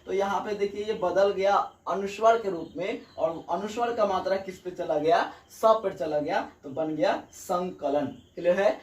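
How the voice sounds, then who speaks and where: A man teaching a grammar lesson at a whiteboard. He goes step by step, repeats key points and keeps asking the students check questions. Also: high voice. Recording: echoey room, mic far off, birds outside.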